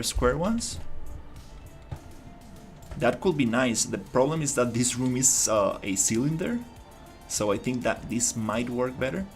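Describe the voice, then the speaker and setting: A man from Costa Rica streaming his game development work, thinking aloud in a casual way with many fillers and restarts. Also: medium pitch. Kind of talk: casual live-stream commentary.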